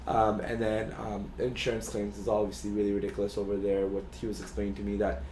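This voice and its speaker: A man's voice: on the low side, completely flat delivery, fast talker, dark tone, slight background noise. A man co-hosting a podcast, chatting casually in a rambling way with lots of fillers and restarts. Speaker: podcast co-host. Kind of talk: casual chat. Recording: echoey room.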